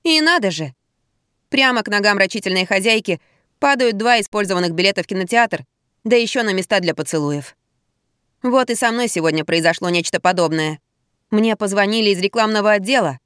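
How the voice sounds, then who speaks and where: A woman's voice: mid-range voice, a little fast, clean tone, no echo, clean studio sound. Woman narrating an ironic tale. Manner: ironic, lively storytelling. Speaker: audiobook narrator. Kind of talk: scripted first-person narration.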